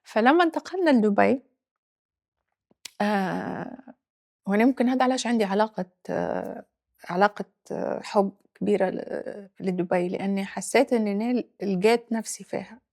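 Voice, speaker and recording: A Libyan-accented woman in her forties tells her story in an interview. She is reflective and halting, slipping English phrases in as she goes. Her voice has a gravelly, creaky texture. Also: medium pitch, a little mellow. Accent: Libyan Arabic. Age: 40s. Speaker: guest. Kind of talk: personal interview.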